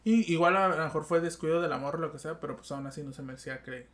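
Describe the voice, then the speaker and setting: Man, Mexican accent, casual chat, hesitant, somewhat high voice. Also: rapid-fire, fairly bright tone. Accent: Mexican Spanish. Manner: hesitant, repeats words while searching for them.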